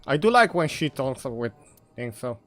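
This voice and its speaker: A gamer giving loud, offhand commentary over a let's play. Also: medium pitch, very animated, normal speed, no echo, faint music behind. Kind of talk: casual gameplay commentary.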